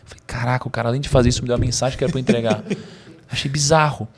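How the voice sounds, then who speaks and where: A man with a Brazilian Portuguese accent, a podcast guest telling a personal story in casual conversation. He is animated and uses slang, with bursts of laughter. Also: mid-range voice, racing.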